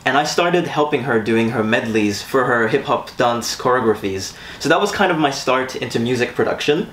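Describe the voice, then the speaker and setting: A young man from Switzerland, a guest musician and producer, telling his story in a relaxed, reflective way in a music studio. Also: mid-range voice, moderate pace, distant mic. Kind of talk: casual interview. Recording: roomy, off-mic with faint noise.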